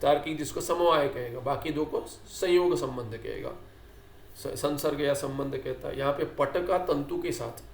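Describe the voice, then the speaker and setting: Male teacher, scripture lecture, slow Sanskrit quotes, fairly high voice, roomy echo. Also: slight background noise. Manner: explains with questions and acted-out dialogues; quotes Sanskrit text slowly. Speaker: Vedanta teacher.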